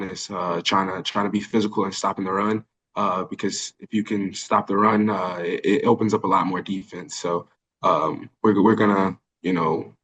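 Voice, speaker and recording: Low-voiced young man fielding press questions. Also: fairly bright tone, a little hiss or hum. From Birmingham, Alabama. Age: early 20s. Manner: earnest, many "uh" fillers and restarts. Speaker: college football linebacker. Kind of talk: press conference answers. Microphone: video call.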